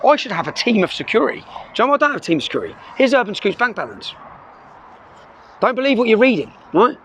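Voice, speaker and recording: A man's voice: sits high, sing-song, fast talker, a bit bright, a little hiss or hum. A middle-aged man, speaking urgently and emphatically to the camera from inside a car, tagging his sentences with "yeah?". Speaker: vlogger. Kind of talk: impassioned address to camera. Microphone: camera filming in the car.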